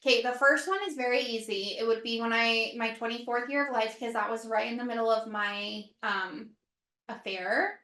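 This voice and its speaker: A woman co-hosting a podcast in casual chat, candid, quick to laugh and swearing casually. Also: fairly high pitch, fairly even intonation, bright, forceful tone. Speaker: podcast co-host and yoga instructor. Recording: roomy echo.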